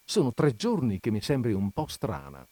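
A man voicing a modest, patient clerk who gently reassures his wife in a read-aloud story. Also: medium pitch, huge pitch swings, normal speed. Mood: coaxing.

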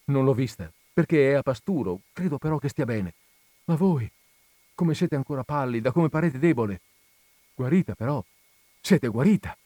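A man's voice: mid-range voice, expressive, moderate pace, dark tone, dry recording, voice pushed up, lightly acted. A man voicing a young peasant man who exclaims breathlessly, trembling with emotion. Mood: tender, anxious.

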